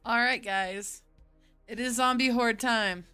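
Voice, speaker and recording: A woman with a relaxed, giggly manner narrating a solo tabletop game. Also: a little high, slow, clean tone, faint music behind.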